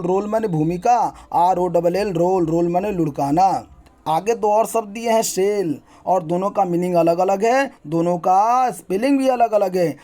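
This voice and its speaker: A young man teaching an English grammar lesson, spelling out words letter by letter and explaining them in a brisk, repetitive teacherly way. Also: high-pitched, warm tone.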